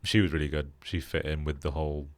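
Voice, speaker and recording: A young British man hosting a casual podcast chat, relaxed and flat in delivery with lots of fillers. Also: a bass voice, fast talker, no room sound. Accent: British English. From Britain. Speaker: podcast host.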